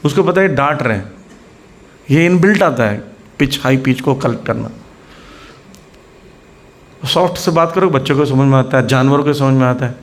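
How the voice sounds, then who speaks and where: An Indian man giving a Hindi sermon at a temple preaching centre, mixing in English words and acting out scolding examples. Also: medium pitch.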